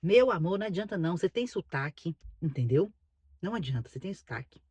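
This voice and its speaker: A woman's voice: fairly low pitch, expressive, fast talker, a little mellow, husky, dry recording. A middle-aged woman from Brazil with a Brazilian Portuguese accent, chatting casually to camera as a vlogger, emphatic and repeating herself for stress.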